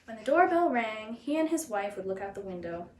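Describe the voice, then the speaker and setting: Lady reading a kids book out loud, expressive, roomy echo with a bit of background noise. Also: fairly high pitch, fairly quick. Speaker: storybook reader. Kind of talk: expressive children's story narration. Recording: echoey room, faint background noise.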